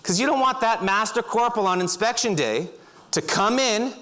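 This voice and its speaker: Lively high-voiced man telling stories. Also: moderate pace. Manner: vivid second-person storytelling with bursts of loud acted shouting. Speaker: speaker. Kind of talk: storytelling talk. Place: auditorium stage.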